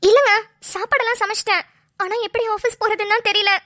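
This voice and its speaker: This is cartoon voice acting: a woman portrays a fed-up, sarcastic daughter-in-law who grumbles under her breath. Her pitch is very high, bright and sharp, her words rush out rapidly, and the intonation stays fairly even.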